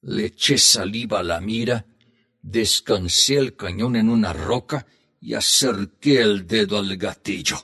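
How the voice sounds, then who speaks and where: A man reading the part of an old grandfather telling his grandchildren a hunting tale, in a slow, heartfelt storybook manner. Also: lowish voice, sharp tone, slightly rough, full character voice. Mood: reminiscing.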